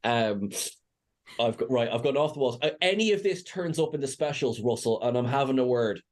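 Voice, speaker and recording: A man's voice: mid-range voice, expressive, fairly quick. A man hosting a casual fan chat show, rambling and jokey with stammering restarts. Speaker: podcast host.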